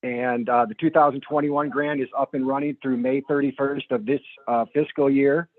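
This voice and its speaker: A man calling in to a public meeting as a county planner, giving a halting report full of fillers over a crackly phone line that fades in and out. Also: medium pitch, little pitch movement. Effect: crackly phone line, fading in and out.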